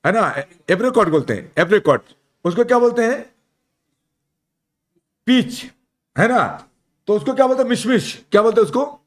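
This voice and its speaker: A male Arabic teacher leading a classroom lesson, spelling out letters slowly and keeping students engaged with frequent check-in questions. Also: high-pitched. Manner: quizzes students, keeps asking "isn't it?". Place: classroom at an Islamic school.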